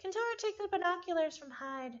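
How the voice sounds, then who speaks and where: Speaking fast in a very high voice with lively intonation, a woman performs a visual novel read-along in a playful, theatrical style. She keeps drifting into chatty asides and casual reactions, all captured in lo-fi sound.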